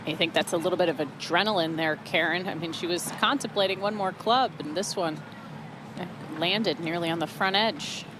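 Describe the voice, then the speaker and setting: A woman's voice: on the low side, moderate pace. A woman giving live on-course golf commentary in an outdoor broadcast. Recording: outdoor broadcast with clear background noise.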